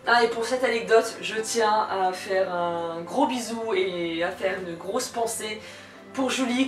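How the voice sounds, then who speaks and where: A woman's voice: mid-range voice, a bit bright. Young female vlogger, echoey and a bit far from the mic. Chatty, giggly storyteller with slangy bluntness and a slightly strained, cracking voice. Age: young adult. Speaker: video creator telling personal anecdotes. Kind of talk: casual storytelling vlog. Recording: echoey room, distant microphone. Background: faint music.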